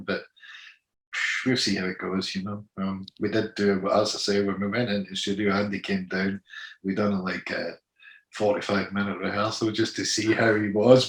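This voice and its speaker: A man in his sixties with a gritty, gravelly voice, chatting loosely as an interview guest, full of "you know". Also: lowish voice, echoey room. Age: 60s. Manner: rambling, full of "you know", laughs easily. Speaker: guest singer. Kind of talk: casual interview chat.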